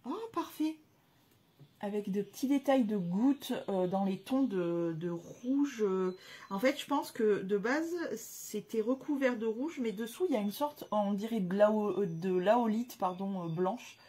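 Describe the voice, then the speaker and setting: Woman, casual vlogger, breathy husky voice, excitable, slangy, lots of fillers. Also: mid-range voice, unhurried. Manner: gushing exclamations, slangy and chatty; frequent hesitation fillers. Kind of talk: casual chat to camera.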